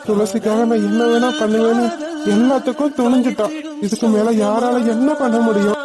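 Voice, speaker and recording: A kind older brother in a village cartoon who speaks softly to calm his sister, voiced by a performer. His voice is middle in pitch, patient and reassuring. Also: a little fast, a loud crowd, natural voice. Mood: consoling. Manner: soothing, consoling. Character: gentle, caring older brother. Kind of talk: cartoon voice acting.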